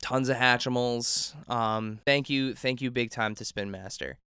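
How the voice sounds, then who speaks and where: A man in his thirties, a host who is chatty and eager, with lots of fillers. His mid-pitched voice sounds dry and close to the mic. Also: steady tone, a little slow, sharp tone, smooth, no echo. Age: 30s. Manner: enthusiastic, chatty, many fillers. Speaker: host, reporter. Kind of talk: casual recap and interview.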